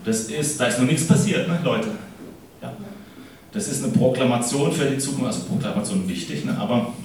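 A pastor preaching in a relaxed, conversational way, often tagging his sentences with a questioning "ne?". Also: mid-range voice, fairly quick, a little hiss or hum. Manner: conversational, keeps adding "ne?". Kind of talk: sermon. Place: church hall. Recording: echoey hall, far from the mic.

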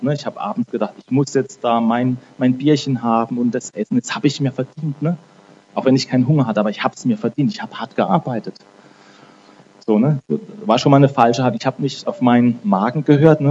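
Man preaching casually, dark voice. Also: medium pitch, lo-fi sound, a little hiss or hum. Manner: conversational, frequent "ne?" tags; repeats and restarts words. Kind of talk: informal sermon with prayer.

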